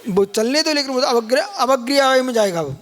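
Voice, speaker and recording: A man's voice: very high-pitched, expressive, fairly quick, fairly bright tone. A man, a Jain monk, giving a live scripture lecture and keep prodding listeners with questions. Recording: long hall reverb.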